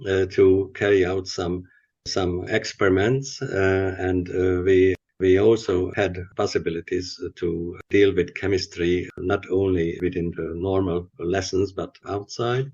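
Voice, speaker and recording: An older man with a Hungarian accent, a chemistry professor speaking haltingly with many filler pauses in a podcast interview. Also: low voice, level tone, a little mellow. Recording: muffled lo-fi audio.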